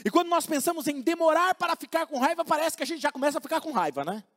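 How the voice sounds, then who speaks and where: Man, preacher, very high voice, animated delivery, humorous conversational sermon, long hall reverb. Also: fast. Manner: humorous, acts out little dialogues.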